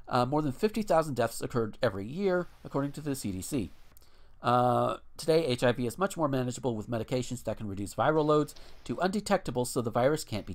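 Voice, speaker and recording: A man co-hosting a casual podcast, talking bluntly and swearing freely, and sometimes reading a news article aloud. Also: mid-range voice. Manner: blunt and profane, ranting with restarts. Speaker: podcast co-host.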